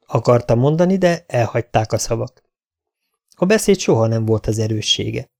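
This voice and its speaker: Gravelly male audiobook narrator. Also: mid-range voice, expressive, darkish tone. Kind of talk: audiobook reading.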